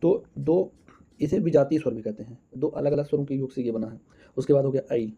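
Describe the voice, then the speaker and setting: A man's voice: medium pitch, a little fast, warm tone, breathy edge. A man teaching an exam-prep lesson, counting out answers aloud and calling his viewers friends.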